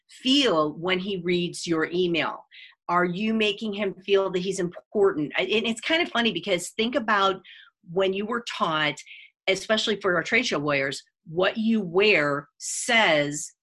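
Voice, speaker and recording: A woman author speaking as an interview guest, who builds her points calmly with everyday examples. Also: mid-range voice, slightly rough. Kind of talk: conversational interview.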